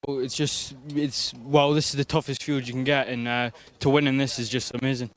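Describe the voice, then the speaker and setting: A young man who has just won a race, hoarse and halting, searching for words in a post-race interview. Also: medium pitch, little pitch movement. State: hoarse, lost his voice. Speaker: race winner.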